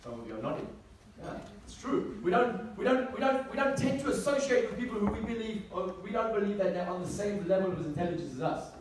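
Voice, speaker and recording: He's a motivational speaker from South Africa, high-voiced, sing-song, and fast, addressing a live audience with emphasis, repeated key phrases, and rhetorical questions. Sound comes from a distant mic in an echoey indoor room with faint noise.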